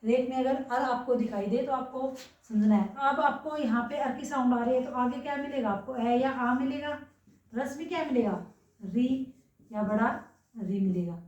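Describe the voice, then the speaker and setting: A young woman teaching a grammar lesson, her voice sitting a little high. She keeps asking questions and then answering them herself. She is recorded from a distance in an echoey room. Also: normal speed, darkish tone. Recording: echoey room, mic far away.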